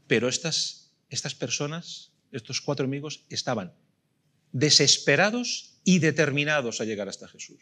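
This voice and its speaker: Husky Spanish-accented man preaching. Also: medium pitch, animated, normal speed, sharp tone. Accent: Spain Spanish. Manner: emphatic, rhetorical questions, repeats phrases. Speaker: pastor. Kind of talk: sermon.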